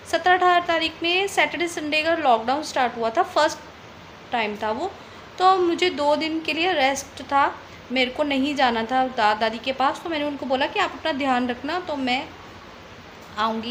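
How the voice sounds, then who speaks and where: A woman's voice: sits high, a bit bright, slight background noise. A young woman from Delhi telling a personal story on her vlog in a chatty way, often repeating phrases for emphasis. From Delhi, India. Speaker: vlogger.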